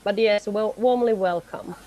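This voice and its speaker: A woman's voice: medium pitch, measured pace, a little mellow, rough recording. A woman facilitating an online meeting, friendly and laughing often as she coaxes people to speak. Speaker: session facilitator.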